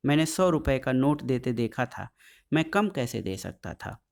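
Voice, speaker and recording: A man narrating a short story in the first person, measured and calm. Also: mid-range voice, creaky.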